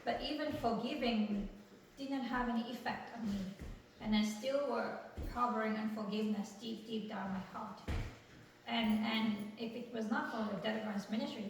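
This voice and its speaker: A woman giving a personal testimony in church, speaking earnestly and haltingly, with many fillers and tag questions. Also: a little high. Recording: very echoey church room, far from the mic, noisy.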